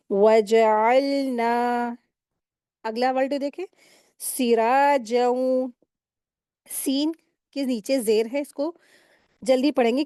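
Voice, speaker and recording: A woman teaching Quran recitation rules step by step in a patient, explaining manner, pausing to recite words slowly. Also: fairly high pitch, dark tone, no echo, clean studio sound. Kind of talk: step-by-step tajweed lesson.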